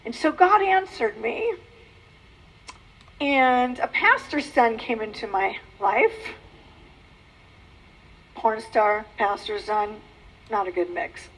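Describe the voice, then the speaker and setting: A woman with a high-pitched voice gives a personal testimony. She speaks earnestly and emotionally, often halting and restarting her sentences. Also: fairly bright tone, breathy edge, rough recording. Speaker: former adult-film performer giving a testimony.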